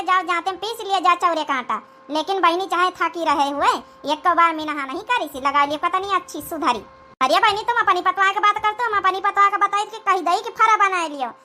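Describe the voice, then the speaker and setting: There's slight background noise as a woman gives a full character voice to an older, scheming village mother-in-law in a cartoon comedy. Very high-pitched, she speaks with an Awadhi accent in flattering, wheedling, rustic chatter.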